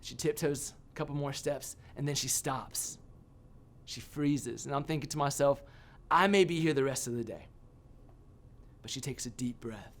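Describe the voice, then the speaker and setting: A man giving a sermon as a youth pastor, telling a personal story with animated, self-mocking humor. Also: medium pitch.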